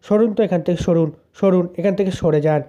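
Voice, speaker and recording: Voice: medium pitch, a little fast, warm tone, lightly acted. A narrator reading a curt young husband. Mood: dismissive. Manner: curt, dismissive. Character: cold young husband who denies his past.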